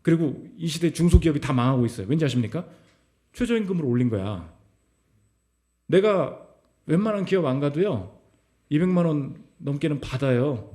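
A man's voice: a little high, lively intonation, normal speed, pauses often, dark tone. A male pastor giving a sermon at a Friday prayer meeting in a church, talking conversationally and firing rhetorical questions at the congregation. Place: church service.

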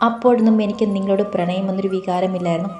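A woman voicing a young woman torn before her engagement, speaking in a halting, tearful, pleading way. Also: medium pitch, fairly even intonation, a little mellow, natural voice. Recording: roomy echo, faint music.

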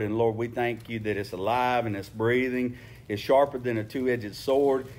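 A man preaching a sermon, earnest and conversational, often repeating words as he restarts, then reading scripture and praying. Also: mid-range voice. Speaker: pastor. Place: church sanctuary.

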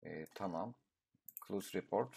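A young man giving casual gameplay commentary, talking to himself, swearing and breaking into excited outbursts. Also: low-pitched, unhurried, gravelly, background noise. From Turkey. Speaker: gaming YouTuber.

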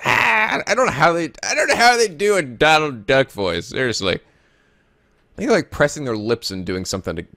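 A man's voice: on the high side, lively intonation, brisk, pushed and bright, dry recording, studio quality. A man giving casual, playful gameplay commentary, exclaiming and swearing freely as host. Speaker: gaming video host. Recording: game music behind commentary.

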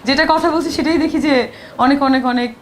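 High-voiced actress with a sore throat. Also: female voice, fairly quick, slight background noise. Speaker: film actress. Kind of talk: press interview answers. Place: noisy shooting location.

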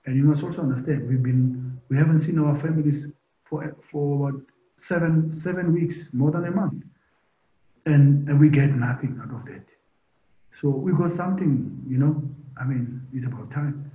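A man's voice: a little high, moderate pace. A middle-aged man, a football coach answering post-match press questions in an emphatic way, repeating words and asking rhetorical questions, over a video call. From South Africa. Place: press room in front of sponsor board. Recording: echoey, tinny video-call audio.

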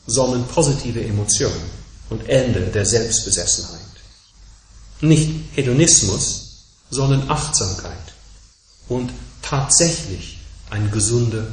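A man giving a dharma talk as a Buddhist teacher, emphatic and measured, driving his points home through insistent repeated contrasts. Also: on the low side, darkish tone, slight background noise. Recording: echoey room.

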